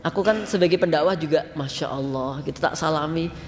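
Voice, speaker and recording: A man with a Javanese accent preaching to a congregation in a lively, chatty storytelling style, mixing in local slang and speaking to the listeners directly. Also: on the high side, a little fast. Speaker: Islamic preacher. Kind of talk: casual storytelling sermon. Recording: long hall reverb, faint noise.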